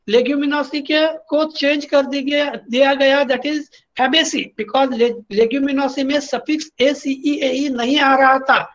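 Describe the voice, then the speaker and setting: A man's voice: extremely high pitch, fairly bright tone, dull audio. A man with an Indian accent giving an online botany lecture, repeating key points and checking that students are following.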